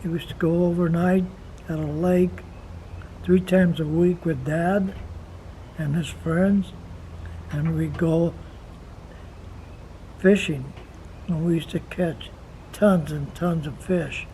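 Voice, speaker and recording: Very old American grandfather, nineties, reminiscing haltingly at a very slow pace, with clear background noise. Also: on the high side, fairly even intonation, dark tone, low-quality recording. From Montana, United States. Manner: halting, slow, repeats words while searching for them. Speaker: grandfather being interviewed. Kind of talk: reminiscing, casual conversation. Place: outdoors in the sun.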